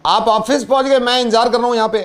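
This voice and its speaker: A man hosting a radio prank call, teasing the person on the line in a playful, deadpan way. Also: very high voice, fast talker, slight background noise.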